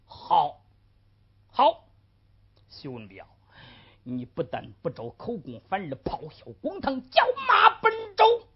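A woman's voice: on the low side, wildly swooping pitch, slow, pauses often, breathy edge, full character voice. A woman storyteller voicing a cruel, haughty male magistrate who barks commands, on a lo-fi old recording. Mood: menacing. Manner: barking commands, sneering. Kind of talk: traditional storytelling.

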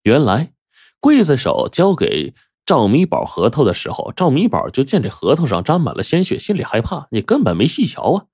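A man telling a traditional story in a lively, animated storyteller manner. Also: mid-range voice, moderate pace, slightly rough, no echo, clean studio sound. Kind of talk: oral storytelling.

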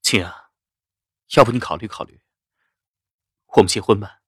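Woman doing a mild young man doctor, deep low voice, soft-spoken, dry close sound. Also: normal speed, husky, no echo, exaggerated voice. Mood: earnest. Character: gentle, calm young male doctor suitor.

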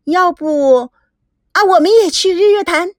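A woman's voice: high voice, very animated, unhurried, no room sound, studio quality. A woman voicing a flamboyant, coquettish middle-aged woman who talks in an affected, sing-song way. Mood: coaxing.

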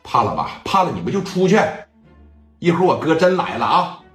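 A man doing a shrill pleading young woman. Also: very animated, a little fast, fairly bright tone, echoey room, faint music behind. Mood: boastful. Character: young woman, pleading, boastful of her brother.

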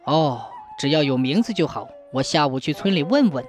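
A woman voicing an upright, kind-hearted young man who speaks in a steady, earnest way in a storybook tale. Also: sits low, moderate pace, soft background music, voice pushed down. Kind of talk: storybook narration.

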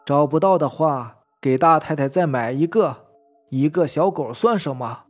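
Man voicing a gruff impatient old master. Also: on the high side, normal speed, faint music behind, natural voice. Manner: impatient, commanding. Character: irritable wealthy old household master.

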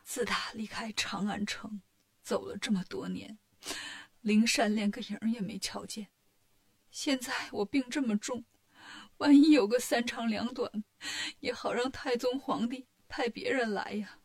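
A woman voicing a sick, weak monk master who speaks in a faint, breathy half-whisper. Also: fairly high pitch, normal speed, a little mellow. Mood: tearful. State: ill and feverish.

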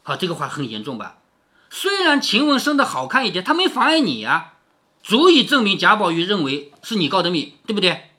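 A man hosts a reading of a classic novel, stopping often to explain it and to put rhetorical questions to the listener. His voice is bright and sharp, and his pitch swings widely through each sentence. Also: huge pitch swings, fairly quick. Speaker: host reading a classic novel aloud with commentary.

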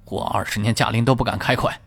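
A man's voice: medium pitch, steady tone, fast, fairly bright tone, breathy edge. A man voicing an irritable middle-aged ambulance driver who talks bluntly and scolds, in a storytelling performance. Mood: exasperated. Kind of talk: storytelling voice acting.

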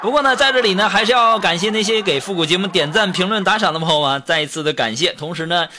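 A man's voice: sits high, quick pace. A man who hosts a comedy show, reading out listener jokes and teasing his listeners as he goes. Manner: chatty, teasing, laughs at his own jokes. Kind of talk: comic joke-telling show. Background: background music.

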